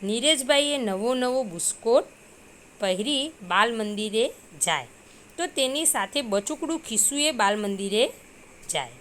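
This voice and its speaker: A woman's voice: a little high, animated, unhurried, fairly bright tone, a little hiss or hum. A woman teacher reading a story aloud to young children and explaining hard words simply.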